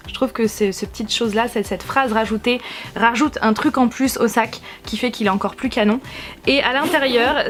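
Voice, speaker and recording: A woman's voice: on the high side, a bit bright. A young woman vlogging at home, chatting enthusiastically about her purchases with lots of restarts. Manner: enthusiastic, gushing, many restarts. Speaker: YouTube vlogger. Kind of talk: casual haul video chat. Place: warm room at home with a fan running. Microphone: camera-mounted shotgun mic.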